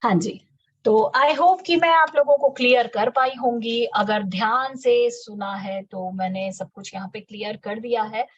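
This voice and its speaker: A woman giving a fast, energetic motivational sales training talk, repeating her key words. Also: fairly high pitch, breathy edge. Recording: slightly dull lo-fi audio.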